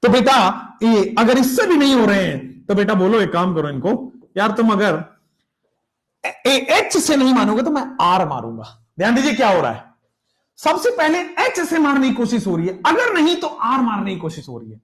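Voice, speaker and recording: A male chemistry teacher lectures with a very lively, swooping voice and a playful storytelling manner. He chants his memory tricks slowly and repeats them, calling out to his students. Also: sits high. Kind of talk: animated classroom lecture with mnemonics.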